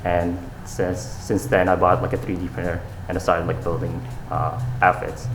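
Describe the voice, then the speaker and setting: Over music in a reverberant space, a young Saudi man talks at a normal speed in a low voice with a completely flat delivery. He is a fashion designer being interviewed, answering casually and earnestly, with fillers and restarts along the way.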